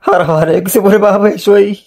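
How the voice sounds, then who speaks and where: A man with an Egyptian accent voicing a grieving young son who begs to stay by his dead father in an animated drama. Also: high-pitched, rapid-fire. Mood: tearful. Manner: tearful, pleading.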